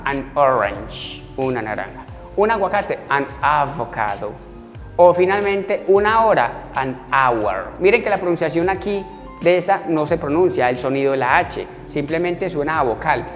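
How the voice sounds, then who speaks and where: A patient male teacher walks through grammar step by step and repeats each example slowly. His voice carries a long reverberant tail, and faint music plays underneath. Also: a little high, fairly bright tone. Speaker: English teacher. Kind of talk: classroom explanation. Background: faint background music.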